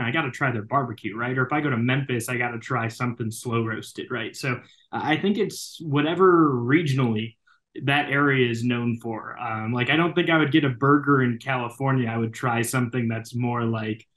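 A man's voice: mid-range voice, a bit bright. Chatty man, baseball broadcaster guest. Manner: chatty, many fillers and restarts. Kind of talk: casual interview chat.

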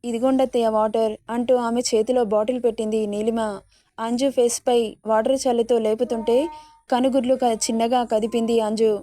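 A woman storyteller reading a romance aloud in a steady, even delivery. Her voice sits a little high, with a flat melody and a mellow, dark tone. The recording is close and dry. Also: moderate pace, dry recording. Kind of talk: scripted story narration.

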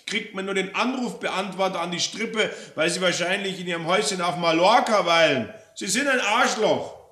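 A man voicing a feisty elderly woman who is bossy, indignant and relentless, reading a story aloud in a roomy space. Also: normal speed. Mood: furious. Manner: shrill, scolding, loud and pushy. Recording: roomy echo.

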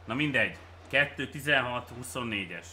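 A Hungarian man streaming a game with viewers, cheering and shouting at plays and then muttering to himself. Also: medium pitch, lively intonation, slight background noise. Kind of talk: excited live game commentary.

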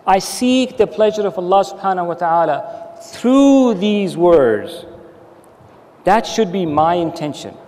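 A middle-aged man giving an earnest, emphatic sermon into a stand microphone on a dark stage. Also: high-pitched, long reverb tail. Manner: earnest, emphatic exhortation with hand gestures. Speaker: preacher. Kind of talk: Friday sermon. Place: dark stage with curtain backdrop. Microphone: stand mic at the lectern.

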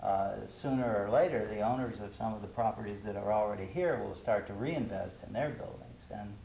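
A middle-aged man, an urban planner, speaking in a measured, thoughtful way with some hesitations on a studio panel. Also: on the low side, vocal fry, warm tone. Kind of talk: panel discussion. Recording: roomy studio with faint hiss.

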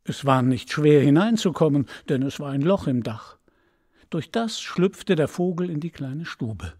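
A man narrating a fairy tale for an audiobook in a calm, measured way. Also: a little high.

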